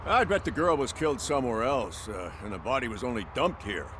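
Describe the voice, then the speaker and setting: A man's voice: medium pitch, big pitch swings, a little fast, background noise, close to an everyday voice. A man playing a world-weary, matter-of-fact police officer with a wry manner in a video game.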